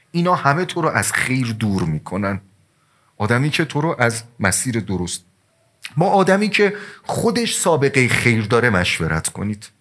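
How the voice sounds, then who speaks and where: Male preacher with a low voice and lively delivery. Gives a sermon full of anecdotes and addresses the congregation as dear ones. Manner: animated storytelling with sudden rises and drops in pitch and loudness.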